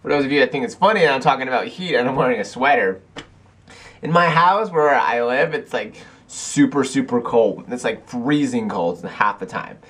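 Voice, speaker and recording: A man's voice: mid-range voice, animated, moderate pace, a bit bright. A young man chatting casually to camera in a video blog at home, rambling with lots of fillers and restarts. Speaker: vlogger. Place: cold house.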